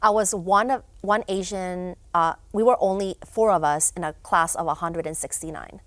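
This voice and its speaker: A woman's voice: fairly low pitch, steady tone, normal speed, fairly bright tone, no room sound. A young woman from Honduras, a guest in a studio interview, talking casually with many fillers and restarts. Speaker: guest, event founder.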